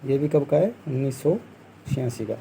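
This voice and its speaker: A man's voice: medium pitch, normal speed, dark tone, slight background noise, poor audio. A young man teaching a Hindi exam-prep lesson, explaining step by step, quizzing his students and answering his own questions. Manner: explains step by step, asks the class questions and answers them, often says "theek hai"; acts out scoffing crowd voices as jokes.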